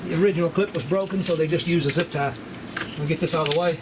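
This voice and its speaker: A man working as a mechanic, talking through a repair step by step in a relaxed, rambling way with lots of fillers, recorded in a repair shop on a tripod camera. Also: on the high side, fast talker, noisy background. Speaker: auto mechanic. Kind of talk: casual how-to repair walkthrough.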